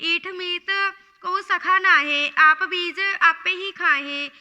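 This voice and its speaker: A woman reciting scripture line by line in a slow, measured chant, repeating phrases after correction. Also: very high-pitched, steady tone, sharp tone, big-room sound.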